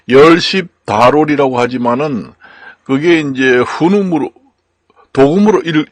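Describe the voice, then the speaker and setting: An older man from Gangwon Province giving an unscripted lecture as a channel host, slow and halting with many fillers and repeated words. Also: medium pitch, creaky, dry recording. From Gangwon Province, Korea. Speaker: channel host explaining law and Chinese characters.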